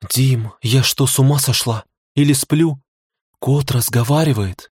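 A bewildered young woman, put on by a male audiobook reader, raised in pitch and stammering over her words. The sound is close and dry, with no room around it. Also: unhurried, darkish tone, husky, dry recording. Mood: alarmed. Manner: stammering, anxious questions. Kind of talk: audiobook character voice.

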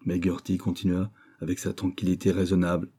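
Low, dark-voiced male narrator. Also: monotone, husky. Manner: measured literary reading. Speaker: audiobook reader. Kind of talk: scripted narration.

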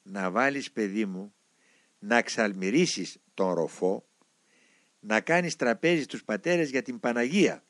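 A man voicing a dying old monastic elder who speaks softly and in a low, fatherly way. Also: animated, dry recording. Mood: tender.

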